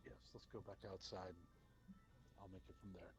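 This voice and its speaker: A man playing a tabletop role-playing game, talking haltingly with lots of fillers and restarts. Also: low-pitched, little pitch movement, music in the background, poor audio. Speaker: player.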